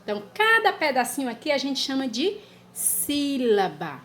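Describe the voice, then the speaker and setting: A woman teaching small children in a lesson video, coaxing them along with tag questions and slowly dictating sentences twice over. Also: high-pitched, big pitch swings, fairly bright tone, slight background noise. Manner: dictates sentences slowly, repeating each one. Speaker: primary school teacher. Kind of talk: slow, clear lesson for young children. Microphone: recorded lesson video.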